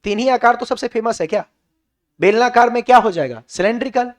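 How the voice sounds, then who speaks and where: Male physics tutor with a Bihari accent and a very high voice, quizzing students out loud. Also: a little fast. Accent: Bihari Hindi. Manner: questions the class and answers himself, drills points. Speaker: physics teacher. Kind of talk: classroom lecture.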